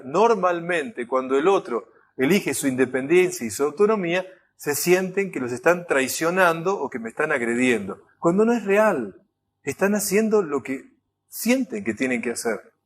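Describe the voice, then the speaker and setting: A man with a Rioplatense accent gives an animated, conversational lecture. He keeps checking that the audience is following him. His voice sits fairly high for a man. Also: moderate pace, a little hiss or hum. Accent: Rioplatense Spanish. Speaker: enneagram lecturer. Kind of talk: recorded lecture.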